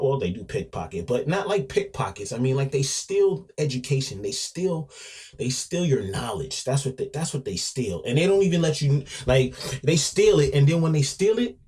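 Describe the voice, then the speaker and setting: A man hosting a podcast in a casual monologue, talking emphatically with many restarts and repeats, his volume swinging between loud and quiet. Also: mid-range voice. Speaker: podcast host.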